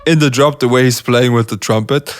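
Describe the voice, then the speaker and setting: An excited young man walks through a beatbox battle round by round, gushing about the sounds he loves. He laughs easily, breaks off to try the sounds himself, and talks at an ordinary, middle pitch. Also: fairly quick. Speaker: beatbox analyst and channel host. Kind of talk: enthusiastic reaction commentary.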